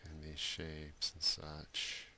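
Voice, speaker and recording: A man giving a screen-recorded software drawing tutorial, talking loosely with many fillers and restarts. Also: rumbling low, completely flat delivery, drawn-out words, a little hiss or hum. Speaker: art instructor.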